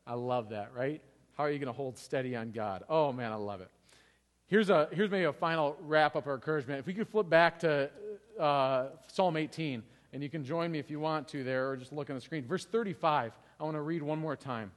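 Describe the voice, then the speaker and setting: A man's voice: a little high, a little fast, long reverb tail. A pastor in his thirties giving a conversational sermon, often asking "right?" to the congregation. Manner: conversational, tag questions like "right?".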